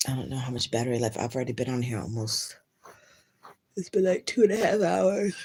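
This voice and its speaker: A young woman with an extremely low, husky, breathy voice and lively intonation hosts a casual livestream chat from her bed, talking a little fast into a phone camera. She sounds drowsy, murmuring, often whispering, and drifts into sudden loud laughs.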